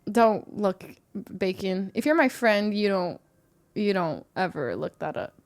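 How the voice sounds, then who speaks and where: A young woman chatting casually as a streamer guest, telling animated stories that swing from loud excitement to low mutters, often laughing as she talks. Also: unhurried. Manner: laughs often while talking. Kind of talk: casual chat.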